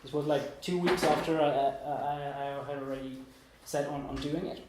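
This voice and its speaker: Echo and background noise fill this recording from a distant room mic at a small indoor meetup. There, a student presenter in his twenties from Germany and Italy speaks at a moderate pace in a voice on the high side with little pitch movement, giving a hesitant, rambling, self-deprecating informal talk.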